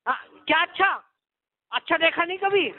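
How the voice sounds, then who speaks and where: Pushy high-voiced male recovery agent on a tinny phone line. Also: moderate pace. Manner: pushy, turns abusive and mocking. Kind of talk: heated phone argument. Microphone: phone call.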